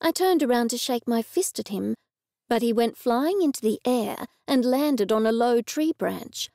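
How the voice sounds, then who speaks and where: Lady reading an audiobook, bit of fry in her voice, pretty dry close mic. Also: a little high, expressive, normal speed, a little mellow, no echo. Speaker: audiobook narrator. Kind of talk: scripted audiobook narration.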